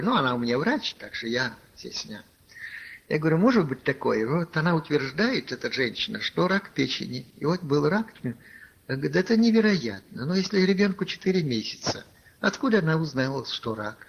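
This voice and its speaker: A man's voice: medium pitch, vocal fry, fairly bright tone, husky. A man preaching a conversational sermon, telling a personal story and addressing his listeners as brothers, with many filler words. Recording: lo-fi archival tape recording.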